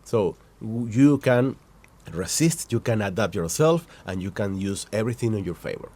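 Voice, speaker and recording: A man's voice: on the low side, lively intonation, moderate pace, dark tone. A man who speaks Spanish as his first language, with a Latin American accent, hosting a casual interview inside a shop and often restarting as he searches for words. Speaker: host.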